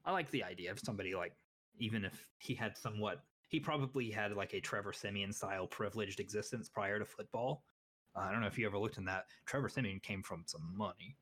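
A man's voice: fairly low pitch, fast, fairly bright tone, slight background noise. A young man co-hosting a casual sports chat, rambling and opinionated, often poking fun at himself. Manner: rambling, opinionated, self-deprecating. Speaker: podcast co-host.

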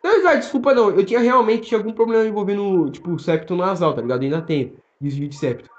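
A young man with a Brazilian accent, telling stories in fast, slangy casual podcast chat full of fillers. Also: sits high, lively intonation. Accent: Brazilian Portuguese. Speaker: podcast co-host. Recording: roomy, dull lo-fi sound.

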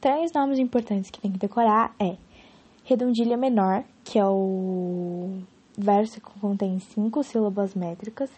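Husky-voiced young woman explaining a lesson. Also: medium pitch, steady tone, measured pace, darkish tone. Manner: casual and explanatory, with many fillers and restarts. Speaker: student explaining poetry. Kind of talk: informal spoken lesson.

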